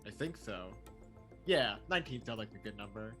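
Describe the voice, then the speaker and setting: A man's voice: on the low side, lively intonation, moderate pace, sharp tone, soft background music. Rambling man describing his game character. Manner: rambling, filler-heavy descriptions. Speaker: player. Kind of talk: casual tabletop role-play.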